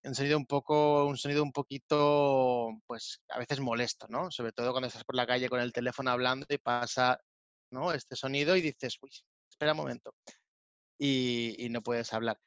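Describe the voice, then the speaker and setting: A man's voice: medium pitch, fairly even intonation, normal speed, smooth, dry recording. Male co-host, explainer, plays with sound effects; dry, slightly muffled recording. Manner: explanatory, imitates sounds playfully. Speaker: Spanish teacher podcast co-host. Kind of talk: casual teaching chat.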